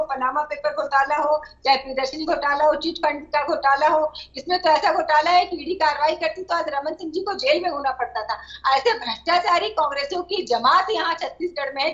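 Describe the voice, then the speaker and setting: A woman's voice: high voice, a bit bright, lo-fi sound. A woman speaking as a party spokesperson in a heated TV news debate, firing off accusations one after another. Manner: combative, rapid-fire accusations.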